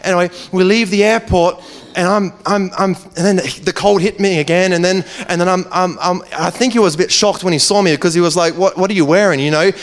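A man's voice: high-pitched, steady tone, a little fast. A man, a preacher telling a personal testimony in an earnest, conversational way, often restarting his phrases.

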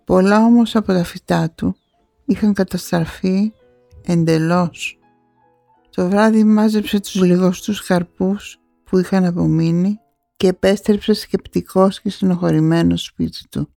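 A woman narrating a fairy tale in an expressive storytelling manner. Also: fairly low pitch, gravelly, no room sound, faint music behind. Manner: expressive, rising on key moments.

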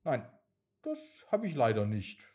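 A man voicing a busy, brisk woman astronaut in a bedtime story, speaking in a hurried way. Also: medium pitch, huge pitch swings, darkish tone, husky, exaggerated voice.

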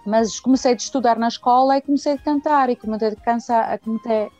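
Mellow woman from Venezuela, muffled. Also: a little high, quick pace. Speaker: singer, interview guest. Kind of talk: casual interview talk. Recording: muffled lo-fi audio with faint music.

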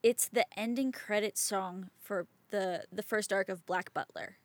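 Woman, podcast host, casual chat, animated, dry recording. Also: mid-range voice, measured pace, no echo.

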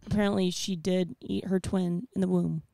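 A woman's voice: lowish voice, fairly even intonation, normal speed, gravelly, warm tone, no room sound. A young woman co-hosting a casual podcast chat, chatty and playful, giggling and teasing her friends.

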